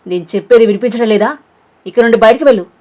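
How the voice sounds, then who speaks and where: A woman's voice: mid-range voice, fairly even intonation, a little fast, lightly acted. Woman voicing an angry proud young man. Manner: harsh shouting commands.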